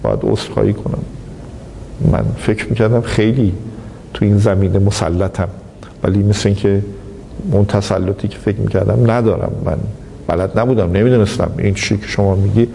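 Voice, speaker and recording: A man's voice: lowish voice, steady tone, gravelly, dark tone, pitched below the performer's own voice. A man quoting an old foreign scholar who, subdued and hesitant, concedes his mistake. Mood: apologetic. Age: older. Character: older male foreign scholar conceding error. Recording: reverberant hall, faint background noise.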